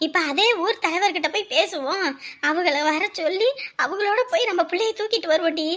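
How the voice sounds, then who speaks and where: A woman's voice: very high-pitched, fairly quick, fairly bright tone. An actress playing a fierce, protective village grandmother who scolds and exclaims in rural colloquial speech. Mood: resolute. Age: older. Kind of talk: TV serial acting.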